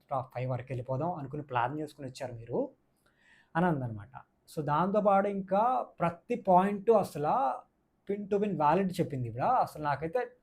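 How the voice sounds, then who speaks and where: A man's voice: on the high side, darkish tone, slightly rough. A man giving a casual, opinionated review of a reality show, mixing in English words and repeating his points for emphasis. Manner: mixes English words into speech.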